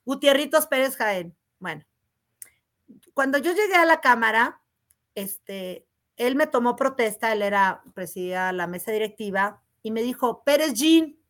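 Loud, resonant woman. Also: on the high side. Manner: animated, rapid storytelling full of "o sea" asides. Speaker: congresswoman guest. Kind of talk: casual interview talk.

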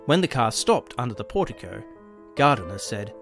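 A man narrating a dramatic science fiction story in a lively, expressive way. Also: mid-range voice, normal speed, soft background music.

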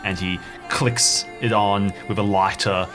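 A man's voice: fairly low pitch, steady tone, unhurried, music in the background. A man playing a tabletop game, casually improvising narration of what happens.

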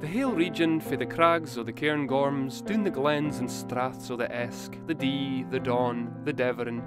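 A man's voice: mid-range voice, moderate pace. A man with a broad North East Scottish accent, narrating a scripted documentary in Scots dialect. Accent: broad North East Scottish (Doric). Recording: prominent plucked guitar music behind. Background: plucked guitar music.

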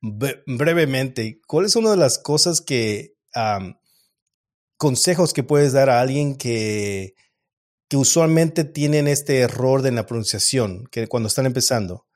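A man from Argentina hosting a podcast, asking thoughtful, drawn-out interview questions with occasional fillers. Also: medium pitch, animated, a little mellow. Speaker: podcast host.

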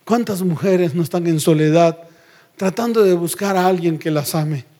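A male pastor delivers an emphatic sermon in a notably high voice. He fires rhetorical questions at his listeners and sinks to a lower register to hammer key words. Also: moderate pace, mellow.

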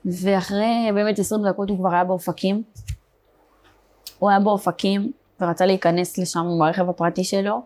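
A young woman from Israel, a border police fighter, telling her story in an interview, halting, with many fillers and restarts. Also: mid-range voice, steady tone, darkish tone. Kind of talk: personal testimony in an interview.

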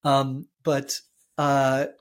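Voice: medium pitch, completely flat delivery, extremely slow. A podcast host talking casually, hesitant, with many fillers and restarts. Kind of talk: casual conversation.

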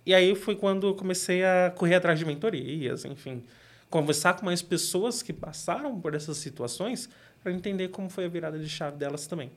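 A young man from Brazil with a São Paulo accent, talking casually as an interview guest, relaxed and quick to laugh. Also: high voice. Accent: São Paulo Portuguese. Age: young adult.

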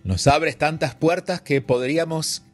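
A man hosting a call-in advice show who talks in a calm, reflective and gently reassuring way. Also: on the high side, a little slow, faint music behind. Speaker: radio show host.

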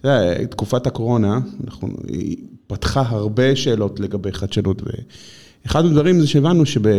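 Man, lowish pitch, warm dark tone, teacherly explaining, rhetorical questions, emphatic key words. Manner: didactic, poses questions and stresses key words. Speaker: school educator and guest. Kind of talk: conversational explaining.

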